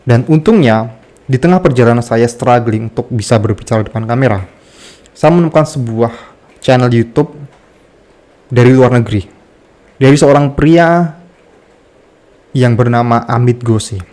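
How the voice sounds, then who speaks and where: Guy with a bit of a lisp on his r, mid-pitched, talking openly about himself like a youtuber. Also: moderate pace, pauses often, darkish tone. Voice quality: slight lisp on the r sound. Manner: candid, self-deprecating. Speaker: YouTube content creator. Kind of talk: personal story told to camera.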